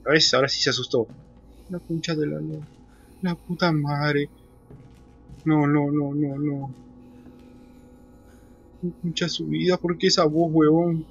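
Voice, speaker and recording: A man's voice: a little high, steady tone, slow, creaky, pauses often, muffled recording. A man playing a horror game, commenting casually and swearing a lot, shrieking in panic when scared. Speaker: gamer. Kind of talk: horror let's play commentary.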